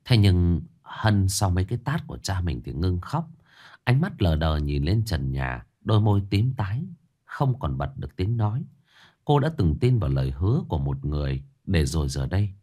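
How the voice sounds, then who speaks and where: Deep, expressive male storyteller. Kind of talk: dramatic scripted narration of a village tale.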